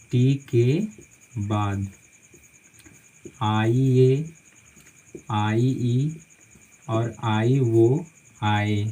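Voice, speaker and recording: A man of medium pitch and dark tone covers English spelling rules like a classroom teacher, in a rough recording. He spells words letter by letter, says each phrase twice, and tacks on "theek hai" after most points.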